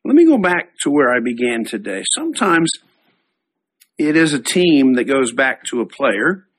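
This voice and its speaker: A middle-aged man, a pastor, preaching a sermon, reading scripture slowly and then explaining it in a conversational way. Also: mid-range voice, big pitch swings, a bit bright, rough recording.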